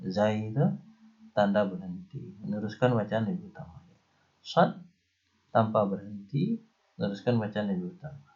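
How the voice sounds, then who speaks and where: A man's voice: fairly low pitch, lively intonation, moderate pace, pauses often, darkish tone. A man teaching an Islamic studies class in a loose, conversational way, with a light Indonesian accent. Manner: explanatory, loose and conversational, with frequent "ya" and "nih" asides. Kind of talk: classroom lecture. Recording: dull lo-fi lecture recording.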